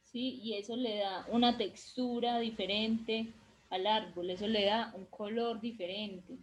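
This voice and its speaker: A woman's voice: mid-range voice, steady tone, unhurried. A woman drawing teacher with an Antioquian Colombian accent, explaining step by step in an online class and checking in often with her students. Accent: Colombian Spanish, Antioquia. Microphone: video call. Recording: muffled video-call audio.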